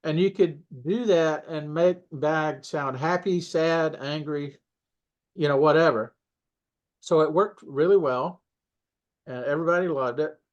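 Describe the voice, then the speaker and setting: A man, a puppeteer, telling stories in a casual interview. He rambles and corrects himself, often clearing his throat and coughing between thoughts. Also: a little high, a little slow, highs cut off. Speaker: puppeteer guest.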